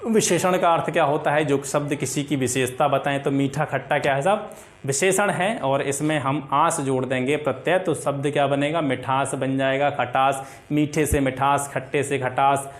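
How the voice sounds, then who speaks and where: A man's voice: mid-range voice, fairly even intonation, normal speed. A man teaching a Hindi grammar lesson for exam preparation, listing example words and asking and answering his own questions. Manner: often adds filler checks like "theek hai".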